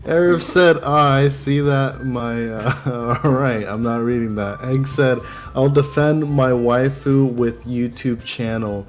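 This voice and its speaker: A man's voice: mid-range voice, slow, hardly any pauses. A man streaming a game and reading chat messages aloud in a loose, casual way, swearing now and then.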